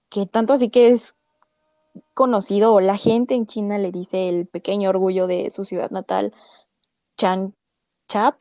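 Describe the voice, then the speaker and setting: A woman's voice: medium pitch, creaky, dark tone, no echo, highs cut off. A woman co-hosting a casual podcast chat, correcting herself as she goes. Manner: chatty, self-correcting. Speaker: podcast co-host.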